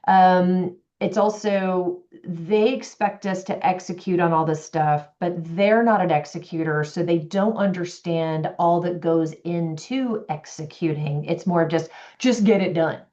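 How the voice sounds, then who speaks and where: Animated woman executive coach, lo-fi. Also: fairly low pitch, measured pace, few pauses. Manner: animated, acts out quoted voices. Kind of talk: podcast conversation. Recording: dull lo-fi audio.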